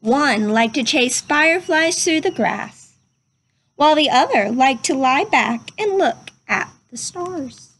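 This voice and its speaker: With a high-pitched, expressive, somewhat bright voice, a young adult woman reads slowly from a children's picture book and chats with young viewers. Her manner is simple and instructive, and she sits outdoors under a covered wooden pavilion.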